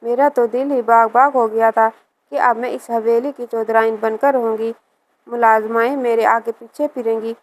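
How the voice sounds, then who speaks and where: Reading a scripted first-person story, a woman keeps a steady, even delivery and one reading pace throughout. Her voice sits somewhat high, and the audio is poor.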